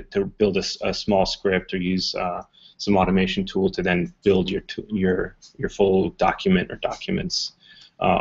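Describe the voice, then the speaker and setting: A man presenting a casual technical talk, relaxed, with many ums and uhs. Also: deep voice, creaky. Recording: muffled talk recording.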